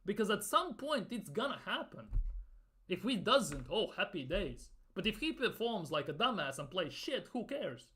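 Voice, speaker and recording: A man's voice: high voice, big pitch swings, normal speed, sharp tone, husky. A man ranting in a football fan commentary video, exasperated and sarcastic, with some swearing.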